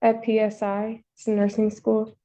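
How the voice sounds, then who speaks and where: A woman's voice: mid-range voice, completely flat delivery, moderate pace, dark tone. A woman in her twenties, a defendant in court, giving short, hesitant answers, heard through a courtroom recording. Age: 20s.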